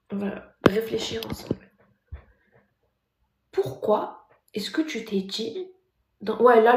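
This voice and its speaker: Chatty mocking woman, gravelly voice. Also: mid-range voice, echoey room, noisy background. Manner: chatty, mocking, talks loudly by habit. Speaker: livestreamer. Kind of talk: casual live-stream chat.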